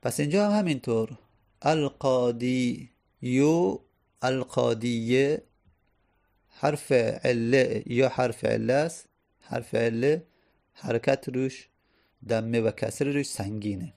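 A man's voice: mid-range voice, animated, vocal fry, a little mellow. A male teacher explaining grammar step by step. He repeats key phrases and sounds out vowels to demonstrate. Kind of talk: Arabic grammar lesson.

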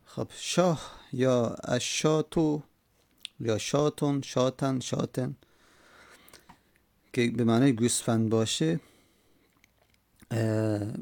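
A man explaining an Arabic grammar text in a slow, repetitive way, with many hesitations. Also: medium pitch, steady tone, creaky, darkish tone, no echo.

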